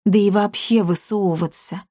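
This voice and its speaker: A woman voicing a calm, concerned grown woman in a storybook reading. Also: mid-range voice, normal speed, dry recording, studio quality, natural voice. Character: worried thoughtful grown woman.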